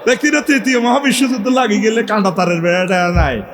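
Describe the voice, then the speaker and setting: A man's voice: high voice, brisk, long reverb tail, over music. Joking preacher man, call-and-response. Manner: joking, calls out to crowd, sings phrases. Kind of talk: humorous sermon.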